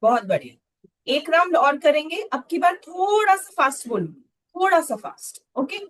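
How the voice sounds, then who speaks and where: A woman yoga teacher, leading a class in slow, drawn-out mantra chanting with long pauses. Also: sits high, sing-song, a bit bright.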